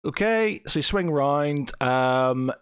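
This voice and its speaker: A man's voice: on the high side, expressive, takes it slowly, clean tone, no room sound. Hesitant male game master, close dry sound. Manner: hesitant, stuttering while thinking. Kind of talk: improvised tabletop game refereeing.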